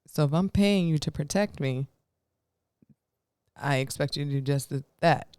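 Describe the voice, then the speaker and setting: A man's voice: on the high side, normal speed, a little mellow, smooth, no echo. A man chatting casually as a co-commentator, giving terse, blunt and firm opinions. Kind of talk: casual chat.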